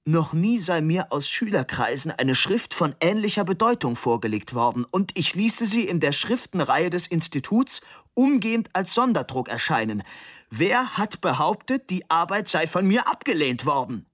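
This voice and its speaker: A man reading an audiobook and voicing a formal, fussy old male literary historian whose stiff speech turns shrill and indignant. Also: steady tone, unhurried, no room sound, studio quality. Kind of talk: audiobook narration.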